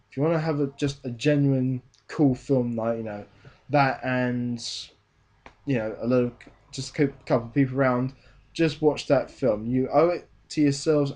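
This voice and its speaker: Young man, film reviewer, casual and rambling, frequent fillers, halting delivery, middle-pitched voice. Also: a little mellow. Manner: hesitant, rambling, many fillers and restarts.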